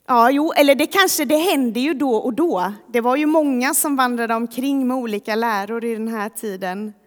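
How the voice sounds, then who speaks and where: A woman's voice: on the high side, in a large hall. A woman preacher giving a sermon, retelling a story in a vivid, conversational way.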